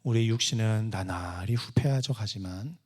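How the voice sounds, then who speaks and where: A male pastor preaching a sermon emphatically, repeating key phrases and building to shouts. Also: lowish voice, moderate pace, breathy edge. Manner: emphatic, repetitive, rising to shouts.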